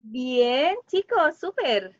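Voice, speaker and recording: A woman teaching a young class online with a Chilean accent, saying words slowly and clearly for children. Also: high-pitched, sing-song, dry recording. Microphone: video call. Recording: dull lo-fi video call audio.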